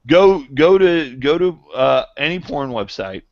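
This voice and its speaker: A man's voice: fairly high pitch, big pitch swings, a little slow, no room sound. A man co-hosting a podcast in casual chat, joking and often repeating words as he talks. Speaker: podcast co-host. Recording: dull lo-fi podcast audio.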